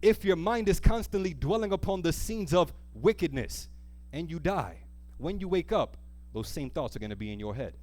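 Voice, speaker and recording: Addressing his congregation live, a man preaches earnestly and emphatically, repeating important phrases and asking questions to prompt call-and-response. His voice is a little high and a little mellow, with lively intonation at a moderate pace.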